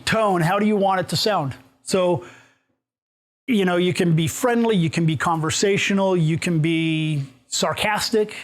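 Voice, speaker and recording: A man with a fairly high voice leads a live workshop in a meeting room. He talks casually with plenty of fillers and restarts, often putting questions to the audience as he walks about the room. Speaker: workshop presenter. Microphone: room mic, moves around while talking.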